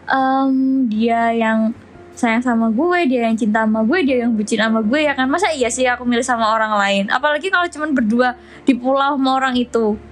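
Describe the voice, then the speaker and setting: A woman's voice: on the high side, moderate pace. A young woman, telling a story animatedly as co-host of a casual chat. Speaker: podcast co-host.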